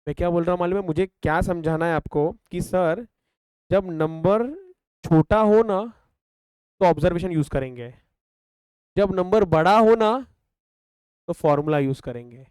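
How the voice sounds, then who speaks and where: Counting off steps aloud as he works a calculator, a young Indian math tutor fires questions at his class and answers them himself. His fairly high voice is smooth and a little mellow, at normal speed with frequent pauses. The recording is close and dry, with no echo.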